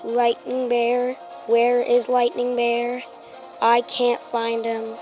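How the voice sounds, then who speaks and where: A woman narrating a toy play story, slow and searching. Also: a little high, monotone, over music.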